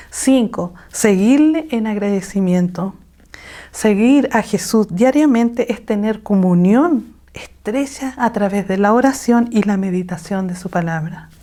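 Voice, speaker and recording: Woman teaching a warm Bible lesson. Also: medium pitch. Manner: exhortative, asks the listeners rhetorical questions. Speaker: women's Bible study teacher. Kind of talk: online women's Bible lesson. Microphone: video call.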